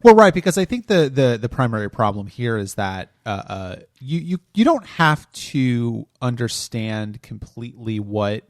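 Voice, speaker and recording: A man co-hosting a podcast, chatting casually and critically, animated, often repeating words as he restarts. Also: mid-range voice, measured pace, few pauses, no room sound, studio quality. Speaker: podcast co-host.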